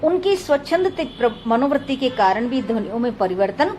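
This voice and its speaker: A woman teaching a lesson in a steady, explanatory lecture style, slowing down to spell out word examples. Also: fairly high pitch, slight background noise. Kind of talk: lecture read from notes.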